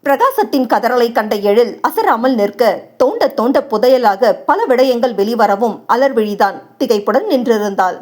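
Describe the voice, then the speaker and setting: A woman's voice: on the high side, animated, moderate pace, darkish tone. A woman narrating a dramatic audio novel in a storytelling manner.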